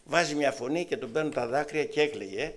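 Preaching a testimony sermon, the Greek man recounts testimony stories animatedly. His lively storytelling rises and falls between loud and soft, with broad shifts in pitch and loudness.

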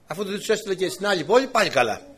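A man's voice: high-pitched, big pitch swings, slight background noise. A man preaching a sermon with passion. He asks the congregation rhetorical questions and keeps calling them brothers. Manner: impassioned, rhetorical questions, often addresses listeners as brothers.

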